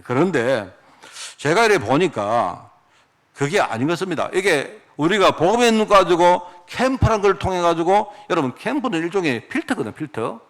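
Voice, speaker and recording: Middle-aged pastor guy from daegu, gyeongsang accent, voice swings up and down a lot, fairly high. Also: moderate pace. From Daegu, South Korea. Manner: animated, emphatic, asks the congregation rhetorical questions. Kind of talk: sermon.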